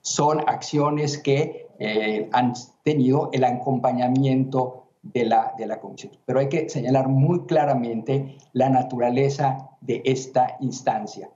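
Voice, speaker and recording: A man speaking in a measured, official tone, pausing and hesitating as he works through his answers. His voice is dark and mellow at a middle pitch. He is heard over a dull, muffled remote line that sounds roomy. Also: steady tone, slight background noise. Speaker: interviewee, human rights commission president. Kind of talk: formal remote interview answers.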